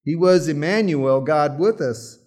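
Emphatic, fairly high-voiced male pastor preaching. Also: a little slow, a little mellow. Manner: emphatic preaching mixed with folksy humorous storytelling. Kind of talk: sermon.

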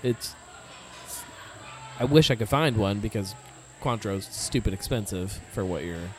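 A man's voice: fairly low pitch, animated, unhurried. A man hosting a podcast in casual chat, rambling and correcting himself, laughing easily. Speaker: podcast host.

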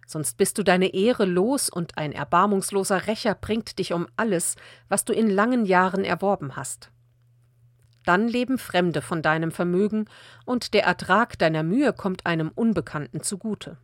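A woman reading Bible passages aloud in a calm, measured way for a daily audiobook podcast. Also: medium pitch, dry recording, clean studio sound. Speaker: Bible reader.

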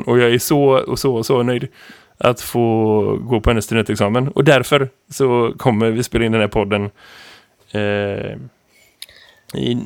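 A man's voice: medium pitch, no echo. Dry, close-miked man telling a rambling story. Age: 30s. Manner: lively rambling storyteller, many fillers. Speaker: podcast co-host and teacher. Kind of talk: casual podcast chat.

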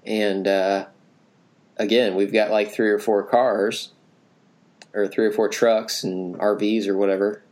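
Low-voiced man telling a rambling story. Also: level tone, measured pace, a little mellow. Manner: rambling, self-correcting anecdote teller. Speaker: podcast co-host. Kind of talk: casual chat, storytelling.

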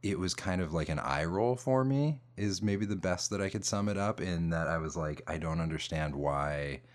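A man in his thirties chatting casually as a podcast co-host, relaxed and a bit hesitant, often restarting his sentences. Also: sits low, moderate pace. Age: 30s. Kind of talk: casual chat.

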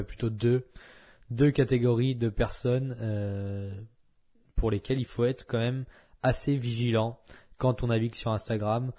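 Man, solo podcast host, warm dark tone, hesitant fillers, frank. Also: on the low side. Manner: rambling with many fillers and restarts; blunt and frank. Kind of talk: casual solo podcast talk.

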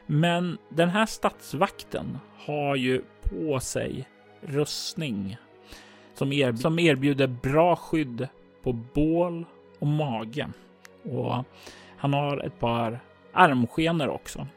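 Soft background music accompanies a man with a mid-range voice who serves as game master for a tabletop role-playing game. He lays out scenes and calls for dice rolls in a steady, calm manner.

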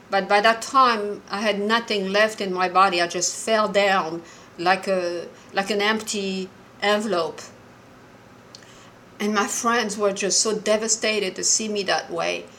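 An earnest woman in her sixties, born and raised in Morocco, calls in to share a personal story. She speaks at a middle pitch, stops and restarts her sentences often, and a faint noise sits under her voice. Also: sharp tone, rough recording. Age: 60s. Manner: earnest and halting, with frequent restarts. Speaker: caller. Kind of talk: personal story told on a call-in show.

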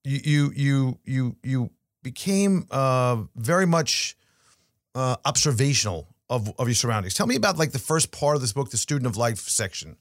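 A man's voice: mid-range voice, lively intonation, moderate pace, no echo, clean studio sound. A man hosting a podcast interview, talking in a conversational, reflective way with frequent fillers. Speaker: podcast host.

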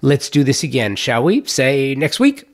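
A middle-aged man hosting a design podcast, talking in an energetic, enthusiastic way and often repeating words as he thinks. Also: medium pitch, normal speed. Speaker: podcast host. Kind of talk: conversational podcast interview and outro.

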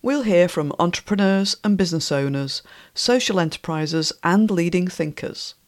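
A woman hosts a podcast while hoarse from a cold, her voice croaky but her reading measured and clear. The sound is dry and close, with no room around it. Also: lowish voice, lively intonation, no echo. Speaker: podcast host. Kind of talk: scripted podcast introduction.

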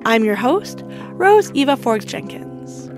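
A young woman reading a scripted introduction as podcast host, in a clear, welcoming read. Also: a little high, very animated, slow, over music.

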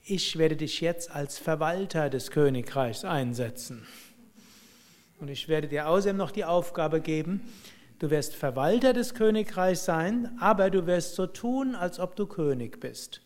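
A man voicing a calm, wise old male sage who speaks in a commanding, gently testing way while telling a story. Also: a little high, a little slow. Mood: instructive.

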